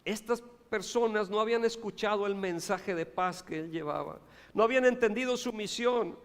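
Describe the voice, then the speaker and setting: High-voiced pastor preaching in a reverberant hall. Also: male voice, moderate pace, clean tone. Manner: storytelling, conversational preaching with rhetorical questions. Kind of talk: sermon.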